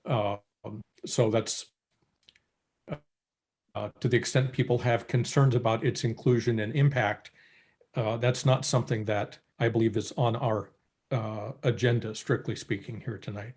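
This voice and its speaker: A man on a group video call, a commission member giving measured remarks at a public meeting, with frequent filler pauses. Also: mid-range voice, steady tone, a little mellow. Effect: heard over a group video call.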